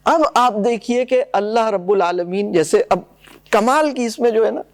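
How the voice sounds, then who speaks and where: A man giving a lecture on poetry, explaining with eager animation and slowing down to recite verses. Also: sits high.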